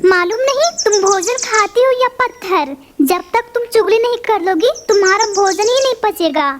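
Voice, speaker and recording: A woman voicing a quarrelsome, hot-tempered female parrot in a cartoon, shrill and snapping. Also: lively intonation, unhurried, noisy background. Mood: angry. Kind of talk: cartoon voice acting.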